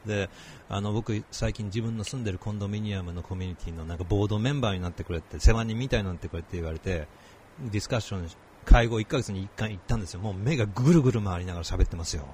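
Fast-talking deep-voiced man. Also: a little mellow, a little hiss or hum. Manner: quick, mixes in English phrases. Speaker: co-host and English speaking coach. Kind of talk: casual online chat.

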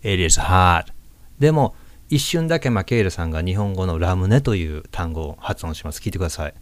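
A man's voice: sits low, animated, fast, a little mellow, dry recording. A man giving a casual video lesson on English pronunciation, demonstrating and exaggerating sounds as he explains.

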